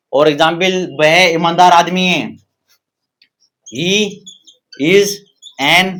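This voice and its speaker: A man's voice: a little high, a bit bright. Indian man teaching English grammar. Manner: repetitive, asks rhetorical questions to students. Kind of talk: classroom-style grammar lesson.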